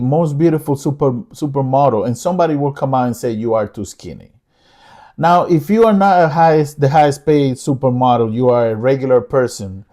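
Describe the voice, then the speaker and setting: A man's voice: medium pitch, dark tone. A man from the Republic, talking casually to his viewers as a channel host, earnest and repeating phrases for emphasis. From Dominican Republic. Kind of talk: casual talk to camera.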